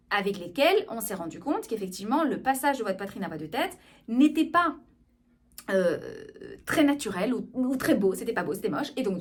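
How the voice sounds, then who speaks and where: A woman speech therapist giving an explanatory video lesson on voice, lively and often checking in with her listeners. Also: a little high.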